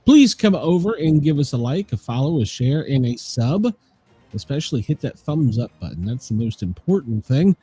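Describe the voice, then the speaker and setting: A man's voice: medium pitch, big pitch swings, moderate pace, warm tone, soft background music. A man hosting a live show in a casual, rambling chat style.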